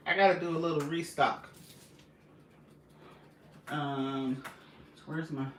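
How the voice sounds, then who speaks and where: A playful woman with a Southern drawl chats on a home live stream while she sorts things. She sits back from the mic in an echoey room with loud noise behind her. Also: low voice, fairly even intonation, slow, distant mic. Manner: playful, chatty, slips into a put-on Southern drawl. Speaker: vlogger going live. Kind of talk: casual live-stream chat.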